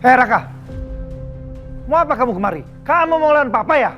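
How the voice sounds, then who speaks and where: An actor playing a menacing, domineering villainous father who bullies and shouts orders in a TV drama. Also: very high voice, animated, fairly quick, roomy sound, highs cut off, faint music behind. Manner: harsh, bullying, shouts orders. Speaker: scheming father.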